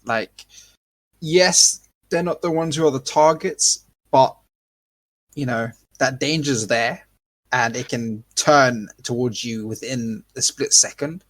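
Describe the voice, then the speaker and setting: A man in a casual fan podcast talk, retelling scenes in an animated way, laughing and swearing. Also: mid-range voice, slow pace. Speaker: podcast co-host.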